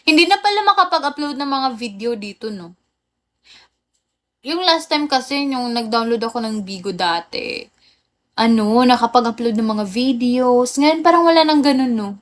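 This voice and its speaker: A woman's voice: fairly high pitch, animated, normal speed, a bit bright. A young woman hosting a casual livestream, chatting with viewers, greeting them by name and laughing often. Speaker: livestream host. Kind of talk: casual live chat with viewers.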